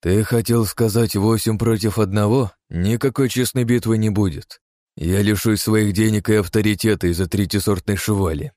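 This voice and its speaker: A man's voice: fairly low pitch, moderate pace, no room sound, voice pushed up, natural voice. Man voicing a screaming enraged aristocrat. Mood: gloating. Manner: shouting, snarling, rude. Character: furious greedy middle-aged male aristocrat.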